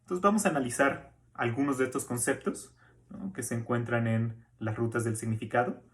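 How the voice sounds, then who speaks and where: A man giving a recorded course lecture in a relaxed, conversational way, often checking in with tag questions and fillers as he explains. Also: mid-range voice, fairly quick. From Mexico. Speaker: university lecturer.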